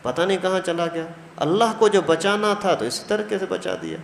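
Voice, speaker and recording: A man voicing a menacing male soothsayer who shouts orders, in an echoey hall. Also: high-pitched, creaky, voice pushed up. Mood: puzzled. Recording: echoey hall, faint noise.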